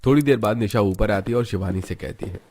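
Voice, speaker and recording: A man narrating a family drama story in an even, storytelling way. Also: fairly low pitch, fast.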